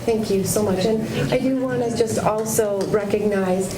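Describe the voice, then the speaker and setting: School administrator, woman, mid-pitched, reading meeting announcements over steady background noise. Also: normal speed. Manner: reads announcements, lists names and dates. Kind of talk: board meeting report. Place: school board meeting room. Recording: noisy community TV recording.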